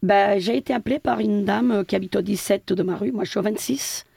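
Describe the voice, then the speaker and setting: A woman's voice: mid-range voice, a little fast, gravelly, a little mellow, husky, no echo. A middle-aged woman from Portugal, a building caretaker answering interview questions hesitantly with many fillers and restarts.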